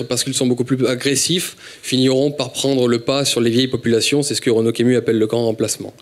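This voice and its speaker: A young man with a French accent giving a steady, declamatory prepared talk on a panel. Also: mid-range voice. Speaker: panel speaker.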